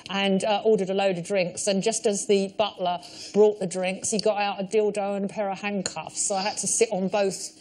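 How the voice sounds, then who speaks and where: A woman from London, a panel show guest, telling stories bluntly and deadpan. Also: medium pitch, moderate pace. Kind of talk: anecdotal chat.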